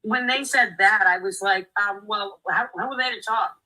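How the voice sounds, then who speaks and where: A woman's voice: mid-range voice, moderate pace, pushed and bright, low-quality recording. A woman in casual chat, speaking earnestly and sympathetically.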